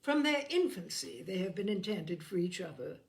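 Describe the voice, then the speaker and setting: A woman performs an older aristocratic lady from a classic novel audiobook, haughty and easily outraged. She declaims in commanding, emphatic phrases. Her pitch leaps and falls with great animation. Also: very animated, normal speed, creaky. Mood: imperious, angry.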